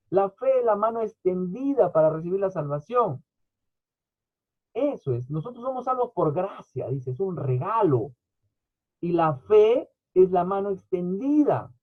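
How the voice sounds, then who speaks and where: Man, preaching a sermon, husky voice, tinny phone-like sound. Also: sits high, no echo. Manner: animated preaching, swinging from loud emphatic bursts to quiet asides.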